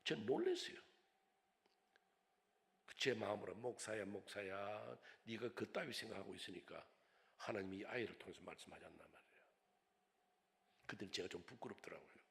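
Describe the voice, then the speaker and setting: An older man preaching a revival sermon as a pastor, telling stories dramatically and swinging from hushed whispers to loud cries. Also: on the low side, steady tone, fairly quick, creaky. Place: church sanctuary. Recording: long hall reverb in a church.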